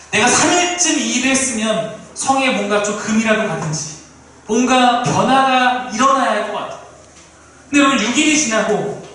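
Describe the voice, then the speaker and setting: A male pastor preaching a sermon in an animated way, now and then acting out the people he quotes. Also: very high voice, recorded from a distance, slight background noise. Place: small church sanctuary. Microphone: distant room mic. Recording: echoey room recorded from afar.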